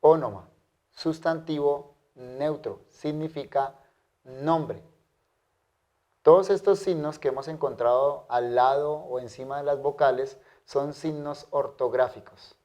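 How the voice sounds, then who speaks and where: A man teaching a language lesson, modeling pronunciation carefully and repeating words slowly for his students. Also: fairly high pitch, steady tone, mellow. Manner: careful, drawn-out pronunciation drills. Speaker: Greek teacher. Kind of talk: slow, deliberate language lesson.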